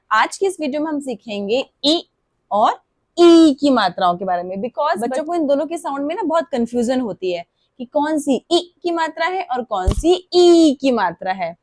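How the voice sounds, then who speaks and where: A woman walks parents through a children's letter lesson. Her voice sits high, and she repeats example words slowly and draws them out. The sound is dry, with no room echo. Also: animated. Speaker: preschool Hindi teacher.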